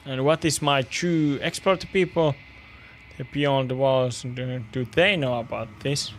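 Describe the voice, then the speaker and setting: Finnish dude casually reacting to a game, unhurried murmured comments, bit of background noise. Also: male voice, mid-range voice. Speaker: gamer doing a playthrough. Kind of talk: casual let's play commentary.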